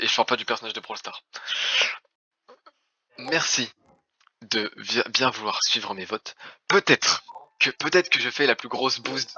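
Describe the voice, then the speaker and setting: A man's voice: mid-range voice, pushed and bright. A man playing a social deduction game, making a theatrical, formal accusation speech with stumbling restarts. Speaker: werewolf game player. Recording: dry, dull lo-fi voice chat.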